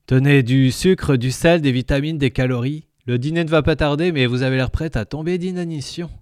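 A man's voice: on the high side, brisk, darkish tone, smooth, no room sound, studio quality, pitched above the performer's own voice, lightly acted. A man doing a gurgling, chatty alien cook. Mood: caring. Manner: gurgling, talkative. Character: chatty male alien cook, big and warm.

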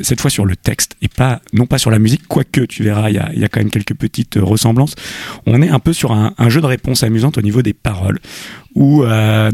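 A man speaking as a guest on a radio show, stumbling through restarts and fillers as he talks about a song. His voice sits low, with gravel and a husky edge. The sound is close and dry, as in a radio studio. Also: a little mellow, no room sound. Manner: hesitant, many fillers and restarts. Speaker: radio guest presenting a music selection. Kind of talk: casual radio chat.

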